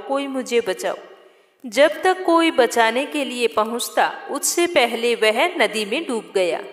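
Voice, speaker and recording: A woman tells a devotional folk tale in a steady, even storytelling voice pitched somewhat high. The recording is roomy, with a long reverb trailing behind each phrase. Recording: echoey room with long reverb.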